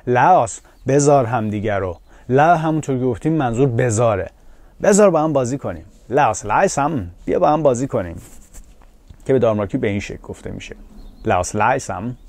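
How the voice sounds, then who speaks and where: A man of ordinary pitch leads a language lesson, saying each phrase slowly and repeating it before explaining it with small hesitations. His voice is recorded close and dry, with no room sound. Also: darkish tone, dry recording. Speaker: language teacher.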